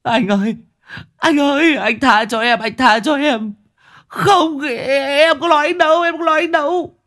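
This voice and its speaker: A man voicing a beaten young man who yells shrilly, then pleads and sobs. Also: unhurried, full character voice. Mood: pleading, sobbing. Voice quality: shrill, strained yelling. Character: young man Kien, beaten, whining and furious.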